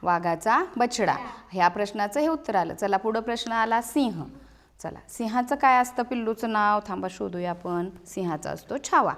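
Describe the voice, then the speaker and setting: A woman's voice: medium pitch, normal speed, a bit bright. A woman teacher with a Marathi accent walks a pupil through a classroom teaching aid. She speaks patiently and coaxingly, asking one question after another and echoing each answer back.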